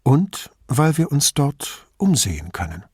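A man doing a brisk practical policewoman. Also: fairly high pitch, huge pitch swings, a little mellow, husky, no room sound, studio quality, pitched above the performer's own voice, exaggerated voice. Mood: matter-of-fact. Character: calm practical female police officer.

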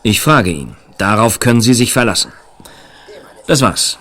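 A calm police inspector. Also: male voice, fairly low pitch, measured pace. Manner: calm, hesitant, with many "äh"s.

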